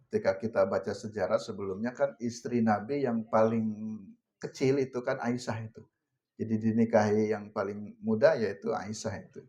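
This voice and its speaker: A man's voice: medium pitch, darkish tone. Chatty man preaching. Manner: chatty, addresses audience directly, laughs often, mixes Javanese words. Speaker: religious teacher. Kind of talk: informal religious lecture. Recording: muffled lo-fi recording.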